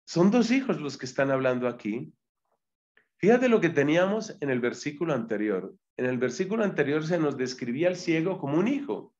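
A man teaching a Bible exegesis lesson as a friar, deliberate and repetitive, reading Greek terms aloud. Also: a little high, lo-fi sound. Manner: deliberate, repeats key phrases, reads Greek terms aloud.

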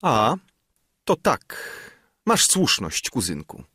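A gruff, commanding old man played by a male audiobook reader barks in a raised, loud voice, lively and scolding. the reader's husky tone stays underneath, recorded close and dry. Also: medium pitch, slow, no echo, pitched above the performer's own voice, exaggerated voice.

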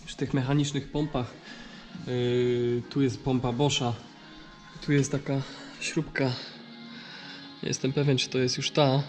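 A man's voice: medium pitch, flat delivery, unhurried, pauses often, a little mellow, faint music behind. A man with a nasal, congested voice from a blocked nose, explaining farm machinery in a casual, hesitant vlog style. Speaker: vlogger.

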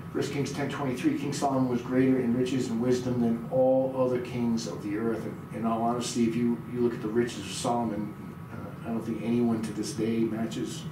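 A man's voice: medium pitch, flat delivery, moderate pace, distant mic. A middle-aged man as pastor delivering a sermon in a small church room, reading scripture aloud and quizzing the audience. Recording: very echoey room, heard from afar, noisy.

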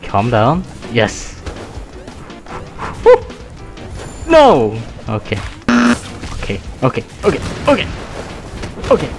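A young man chatting casually while playing a game, excitable, often yelping and laughing. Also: mid-range voice, extremely slow, pauses often. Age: young adult. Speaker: gamer. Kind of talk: casual gaming chat. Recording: music playing underneath.

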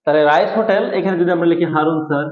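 A man with a fairly high voice teaching a grammar lesson, explaining step by step and repeating each rule. His voice comes through a thin, phone-like band in an echoey room. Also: fairly even intonation, rapid-fire. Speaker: English teacher.

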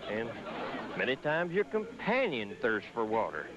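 An actor playing a folksy, cantankerous old prospector who rambles in a comedy sketch. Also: male voice, medium pitch, huge pitch swings, a little slow, noisy background. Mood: wistful, folksy. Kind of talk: mock documentary comedy sketch. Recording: muffled old VHS tape, music behind.

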